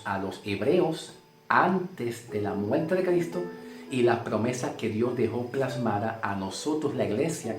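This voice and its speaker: A man's voice: mid-range voice, a little mellow. A man from Puerto Rico with a Puerto Rican accent, preaching a sermon, emphatic and repetitive, often checking in with "ok?". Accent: Puerto Rican Spanish. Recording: roomy sound with faint guitar music.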